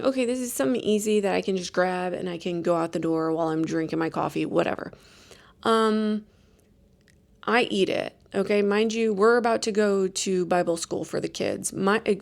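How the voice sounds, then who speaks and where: A woman's voice: mid-range voice, creaky. A woman hosting a podcast, telling a rambling, self-deprecating story in a casual chatty way with many restarts. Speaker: podcast host.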